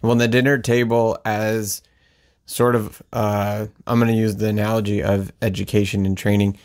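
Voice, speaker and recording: Jokey man with a lowish voice. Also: level tone, moderate pace, a little mellow. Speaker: podcast host. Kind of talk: casual chat.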